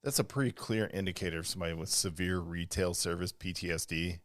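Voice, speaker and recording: Deep-voiced joking podcast co-host. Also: male voice, no room sound. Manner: joking, animated, quick banter. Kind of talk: casual chat.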